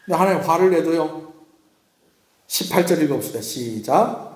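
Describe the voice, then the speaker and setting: A man's voice: on the high side, expressive, normal speed. Questioning male pastor in an echoey church. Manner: asks the congregation questions and answers them himself. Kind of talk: sermon at a Friday prayer meeting. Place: church sanctuary.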